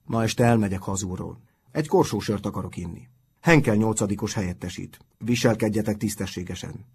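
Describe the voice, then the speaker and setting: A man's voice: lowish voice, darkish tone, husky. A man doing a firm, wry schoolmaster. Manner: addressing a group, firm. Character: warm, wry male boarding-school teacher.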